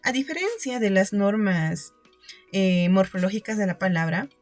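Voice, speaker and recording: A woman's voice: medium pitch, lively intonation, moderate pace, a little mellow, faint music behind. A woman teacher giving a recorded lesson, explaining step by step and checking in with her students. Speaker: secondary school teacher.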